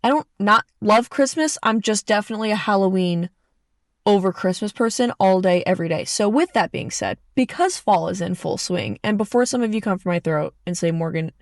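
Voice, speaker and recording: A young woman hosts her own podcast in a loose, chatty solo style, wandering into quick asides and correcting herself as she goes. She sits close to the mic, and the recording is dry, with no room sound around her voice. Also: medium pitch, expressive, dry recording. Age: young adult. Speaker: podcast host. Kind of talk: casual solo podcast talk.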